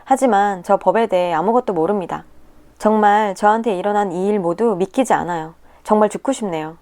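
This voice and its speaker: A woman reading a personal story aloud in the first person, with emotive, tearful delivery and pitch swings. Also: a little fast, a little mellow. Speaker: narrator of a viewer's submitted story. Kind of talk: scripted first-person narration.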